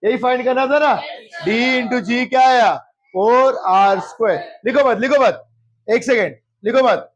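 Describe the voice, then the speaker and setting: A man's voice: very high voice, normal speed, dull audio. A male math teacher, lecturing a class in geometry, often repeating questions and checking whether anyone has doubts, and mixing English terms into his speech. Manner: mixes English terms into Hindi.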